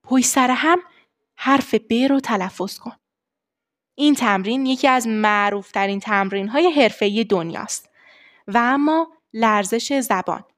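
Clear instructive woman voice coach. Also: fairly high pitch. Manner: instructive, demonstrating vocal exercises. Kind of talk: voice training lesson.

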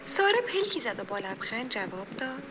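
Woman, story narrator, expressive, animated pitch, music clearly behind.

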